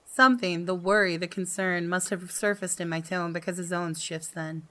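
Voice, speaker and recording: A woman who hosts gaming videos reads visual novel narration aloud, telling the story expressively. Her pitch is fairly low and her pace moderate.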